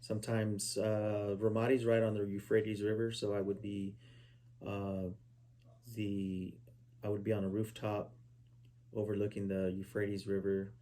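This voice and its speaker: A man in his forties from Southern California, a veteran answering oral history questions at a relative's house, halting with many fillers and restarts. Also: fairly low pitch, monotone, dark tone. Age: 40s. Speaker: interviewee, Army veteran. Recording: poor quality home recording.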